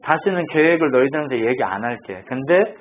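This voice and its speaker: A male pastor preaching a lively, conversational sermon and firing questions at his congregation. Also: medium pitch, fairly quick. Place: church sanctuary. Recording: tinny phone-like church recording with faint noise.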